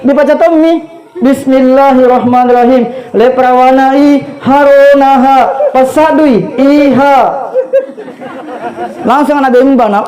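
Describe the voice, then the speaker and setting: Very high-voiced joking male preacher. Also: darkish tone, poor audio. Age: 30s. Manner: joking, chatty, addresses the audience directly, laughs at his own stories. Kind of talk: humorous condolence sermon.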